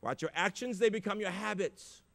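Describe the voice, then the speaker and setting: Older guy doing an inspiring keynote, gravelly voice, long hall echo, gets loud then goes quiet. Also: high voice, normal speed. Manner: emotional storytelling with dramatic swings in loudness. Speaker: conference keynote speaker. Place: large conference auditorium. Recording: reverberant conference hall.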